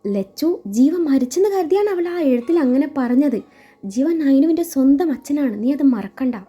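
A woman's voice: sits high, expressive, normal speed, dark tone. Woman voicing a reproachful husband. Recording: dull lo-fi with faint music.

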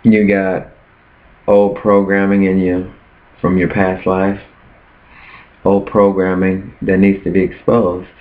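A man with a very low voice preaches earnestly to camera, posing rhetorical questions. His words come through thin and tinny, like over a phone line. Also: completely flat delivery, takes it slowly, long pauses. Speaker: preacher sharing his fast. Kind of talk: casual preaching vlog.

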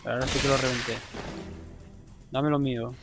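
A young man from Spain with a Spanish accent, casually commentating his gameplay, swearing often and breaking into excited exclamations. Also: mid-range voice, a little fast, poor audio. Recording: game music behind voice.

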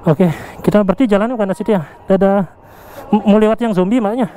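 A warm-toned male voice that sits high and moves fairly quickly narrates a vlog from an indoor theme park, captured on an action camera he wears or holds. Speaking with an Indonesian accent over background music, he gives slangy, casual commentary full of jokes and exclamations.

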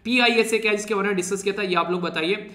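Male current affairs tutor, high fast voice, joking casual lecture style. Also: sharp tone, roomy sound. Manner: chatty, teasing students, laughs often. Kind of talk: casual Hindi exam-prep lecture.

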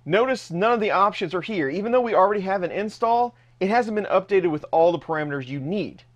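Man calmly walking through a tutorial. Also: sits high, fast talker. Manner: plain step-by-step explaining, casual. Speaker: host of a 3D printing tech channel. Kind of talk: screen-recorded tutorial narration.

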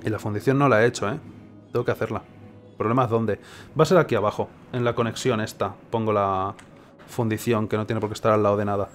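A man's voice: on the low side, fairly even intonation, fast talker, faint music behind. A man with a Castilian accent from Spain giving casual gameplay commentary, musing and questioning himself as he thinks aloud. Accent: Castilian Spanish from Spain. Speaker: gaming video host.

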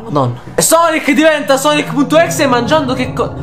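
A high-pitched man hosts a reaction video with jokey, excitable commentary. He keeps breaking into loud shouted reactions. Faint music plays quietly behind him. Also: normal speed. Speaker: YouTuber host.

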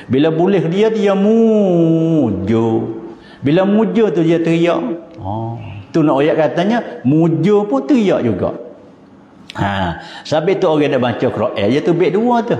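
In a mosque hall, a man with a mellow, mid-range voice and a Patani Malay accent explains religion in a relaxed, conversational way, breaking into chanted verses now and then. He's a religious teacher from southern Thailand. The sound is dull and lo-fi, echoing around the hall.

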